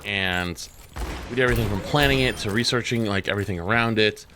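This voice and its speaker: A man's voice: on the low side, fast talker, noisy background. Young man ranting casually while streaming. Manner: profane, animated storytelling with frequent fillers. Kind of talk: casual chat while gaming.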